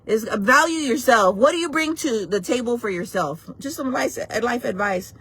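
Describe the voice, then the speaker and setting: Blunt, higher-voiced woman in her forties. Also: lively intonation, normal speed, a bit bright, breathy edge. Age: 40s. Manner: blunt, frank and playful, reacting to chat. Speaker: livestream host. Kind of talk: casual livestream chat.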